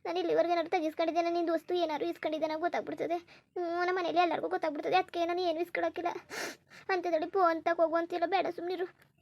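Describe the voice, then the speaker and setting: A woman voicing Kaveri, a high, anxious village girl. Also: flat delivery, rapid-fire, gravelly, dull audio. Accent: rural Karnataka Kannada. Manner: pleading, worried, speaks of family fears. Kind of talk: cartoon voice acting.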